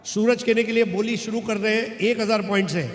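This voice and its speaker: Male auctioneer, very high pitch, repetitive clipped bid-calling chant, reverberant hall sound. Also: steady tone, brisk. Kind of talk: auctioneer's chant of rising bids at a live auction. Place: large echoing room at a live event. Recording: echoey hall with long reverb.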